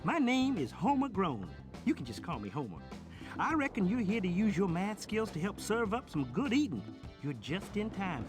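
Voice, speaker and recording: A man playing a chatty, cheerful country grocer in an educational game. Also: high voice. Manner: folksy drawling country talk. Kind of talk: scripted educational game character acting.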